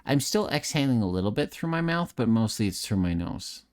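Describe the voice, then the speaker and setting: A man's voice: on the low side, very animated, brisk, a little mellow. A man streaming late at night, chatting candidly, repeating words and restarting sentences, swearing and joking at his own expense. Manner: swears freely, joking and self-mocking.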